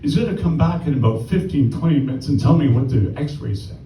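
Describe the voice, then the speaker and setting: Older man doing anxious hospital patient, high lively voice, distant, roomy echo. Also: a little fast, a little hiss or hum. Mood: worried. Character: injured man in a hospital bed, worried.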